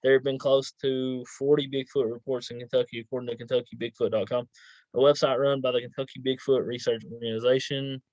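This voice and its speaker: A man's voice: mid-range voice, flat delivery, a little fast, darkish tone, dry recording. A man hosting a casual interview, reading out items and putting questions to his guest, on a lo-fi recording. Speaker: host, interviewer.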